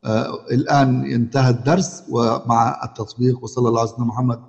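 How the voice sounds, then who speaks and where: A man's voice: medium pitch, level tone, fast, creaky, darkish tone, muffled recording. Egyptian man teaching, echoing hall. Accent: Egyptian Arabic. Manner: asks students questions, repeats himself. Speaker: Quran recitation teacher. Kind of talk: colloquial Egyptian Arabic lesson. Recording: long hall reverb.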